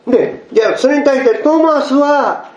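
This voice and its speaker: A male pastor preaching a sermon to his congregation, expressive and acting out the quoted speech. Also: very high-pitched, moderate pace, roomy sound, lo-fi sound.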